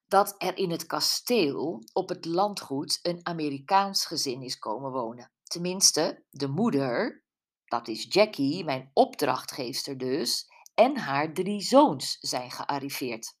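A woman voicing a calm young woman who explains a village matter plainly, read in an audiobook. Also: low-pitched, takes it slowly, slightly rough, exaggerated voice. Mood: explaining.

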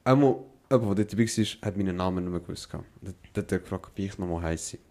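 A young man with a Swiss German accent telling stories in casual podcast chat, slangy and quick to laugh. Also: low-pitched. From Switzerland. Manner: lively storyteller, slangy, laughs often. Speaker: podcast co-host.

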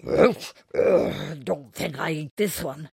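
A woman voicing a big, gentle male creature with a beak who talks in odd, muddled grammar, loud and drawn-out. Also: low voice, creaky, slightly rough, no room sound, studio quality, full character voice. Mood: worried.

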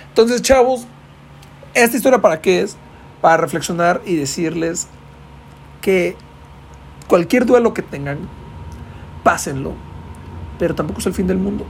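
A man's voice: high-pitched, vocal fry, a little hiss or hum. A young man of about twenty with a Mexican accent, hosting a podcast and telling a comic story in a slangy, profane way. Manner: slangy and profane, peppers every line with güey. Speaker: podcast host.

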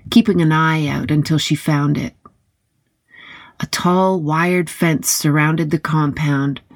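Audiobook narrator, gravelly, close and dry, wry gritty delivery. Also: mid-range voice, a little mellow, no room sound. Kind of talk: scripted narration of a paranormal detective novel.

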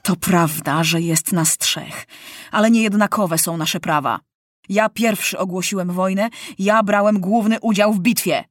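A woman's voice: mid-range voice, measured pace, no echo, clean studio sound, close to an everyday voice. A woman reading aloud, voicing a proud, impatient young king who barks orders with contempt. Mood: boastful. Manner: commanding, contemptuous.

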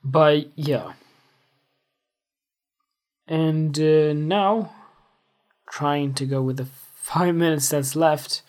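A man's voice: on the high side, fairly even intonation, extremely slow, long pauses. Young male host, casual and self-reflective solo talk. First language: Swedish. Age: 20s. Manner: rambling, self-reflective, full of fillers. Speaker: podcast host.

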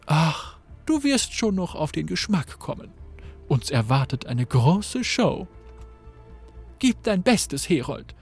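A man's voice: fairly high pitch, very animated, slow pace, husky, soft background music, heavily acted. A man reading the lines of a mocking villainous sorceress in a game story. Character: scornful villainous sorceress woman.

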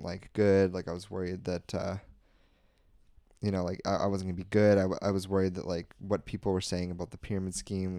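Low-voiced young podcaster. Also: male voice, vocal fry, darkish tone, no room sound, studio quality. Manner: loose, filler-heavy, acts out quoted talk. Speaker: podcast co-host. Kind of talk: casual storytelling chat.

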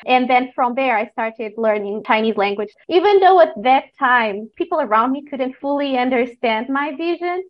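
A woman's voice: on the high side, muffled recording. A woman from Portugal hosting a podcast conversation in an upbeat, motivational way. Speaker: host and life coach.

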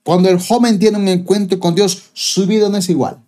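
A man's voice: sits high, fairly even intonation, moderate pace, mellow. A man preaching a personal testimony, telling a story with frequent chuckles to his congregation. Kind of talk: testimony sermon.

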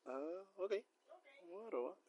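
A man's voice: fairly high pitch, lively intonation, slow, a little mellow, husky, muffled recording. Teasing man podcast host. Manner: teasing, laughs often. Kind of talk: casual joking podcast chat.

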